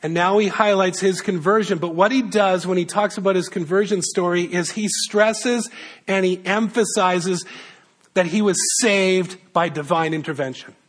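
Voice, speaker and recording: High-voiced man preaching conversationally. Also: fairly even intonation, normal speed. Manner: conversational, reads scripture aloud and paraphrases it; direct address to the congregation. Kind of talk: sermon.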